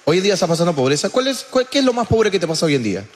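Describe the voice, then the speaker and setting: A man's voice: high voice, very animated. A young man hosting a comedy podcast, teasing and crude in casual chat. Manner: teasing, crude, quick-witted.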